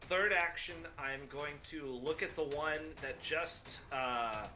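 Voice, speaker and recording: A man's voice: a little high, takes it slowly, sharp tone, soft background music. A man playing a tabletop game, hesitant and thinking aloud as he plans his moves. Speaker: player. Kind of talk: casual tabletop play.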